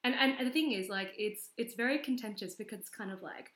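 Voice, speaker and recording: A woman's voice: mid-range voice, quick pace, fairly bright tone, reverberant. A young woman from a Vietnamese family, explaining at length in casual chat with many ums and likes. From family from central Vietnam.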